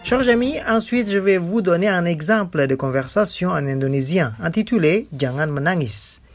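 A woman presenting a scripted radio language lesson, speaking slowly and repeating each phrase twice. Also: lowish voice, animated, over music.

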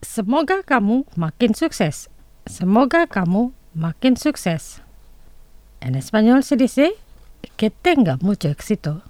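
A woman hosting a radio language lesson, speaking slowly and carefully and repeating each word twice for listeners. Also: on the high side, big pitch swings, a little mellow, no room sound.

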